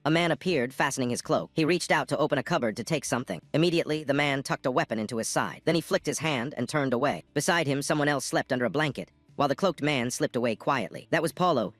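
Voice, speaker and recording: A man reading a scripted story recap as narrator, in a steady storytelling delivery. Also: mid-range voice, no room sound. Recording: dry voice-over with faint music. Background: faint music.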